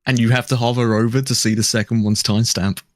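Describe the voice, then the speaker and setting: A man's voice: mid-range voice, level tone, fast, dry recording, clean studio sound. Male guest, casual chat, thinks aloud, dead room sound. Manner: thinks aloud, restarts and spitballs ideas. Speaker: guest commentator.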